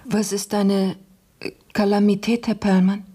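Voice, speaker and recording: In a German radio play, an actress voices a serious, shrewd young housemaid, speaking plainly and subduedly. Her mid-range female voice is warm with a breathy edge, held at a level tone and a measured pace.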